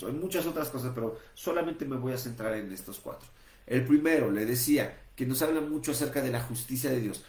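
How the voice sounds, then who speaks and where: A man's voice: medium pitch, a little mellow. Man preaching a sermon in an echoey room. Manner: teaching in numbered points, with rhetorical questions and restarts. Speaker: pastor.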